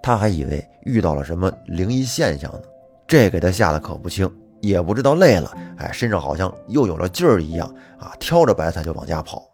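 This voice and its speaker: Guy spinning a folk tale, low voice that swings around a lot, faint music behind. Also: brisk. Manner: lively colloquial storytelling with fillers. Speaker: storyteller.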